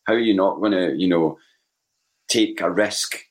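A man in his forties with a Scottish accent chats casually about football. His voice is very deep, and he talks haltingly, often repeating words as he goes. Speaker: podcast panellist.

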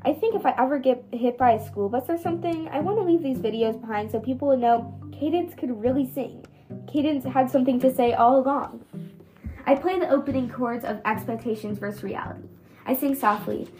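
A woman reads a novel aloud in a casual, unpolished way, now and then stumbling and restarting over words. Her voice sits somewhat high. Faint music plays quietly in the background. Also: brisk, poor audio. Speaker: reader.

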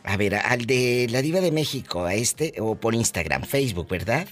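Dramatic, animated Mexican man hosting. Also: mid-range voice, normal speed, soft background music. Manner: dramatic, exclamatory, sympathetic. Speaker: radio and podcast host. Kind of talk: live casual talk show chat.

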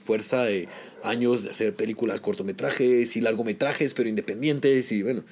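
A man with a Guatemalan accent, an actor telling stories from his career in a casual interview, animated and full of slang, acting out the voices he quotes. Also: on the low side, normal speed, background noise. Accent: Guatemalan Spanish. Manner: animated storytelling, heavy slang, acts out quotes.

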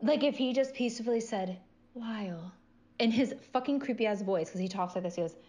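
A woman's voice: fairly high pitch, fast talker, darkish tone. A young woman co-hosting a casual chat, blunt and profane, filling her talk with "like". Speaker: podcast co-host.

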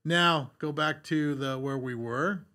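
A man's voice: a little high, slow pace, bright, forceful tone. A man hosting a podcast in a casual, rambling way, with lots of fillers and restarts. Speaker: podcast host.

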